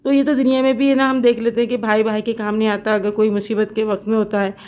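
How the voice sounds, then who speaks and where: Woman, middle-aged, from Pakistan, home kitchen vlog, chatty, flat steady delivery. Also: fairly high pitch, quick pace. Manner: chatty and devout, many fillers. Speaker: cooking vlogger. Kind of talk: casual vlog talk while cooking.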